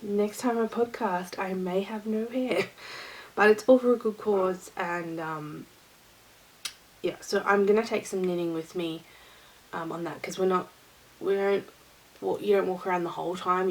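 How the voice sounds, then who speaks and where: A woman's voice: mid-range voice, low-quality recording. A woman hosting her own knitting vlog, talking to camera in a rambling, easygoing chat. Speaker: knitting vlogger.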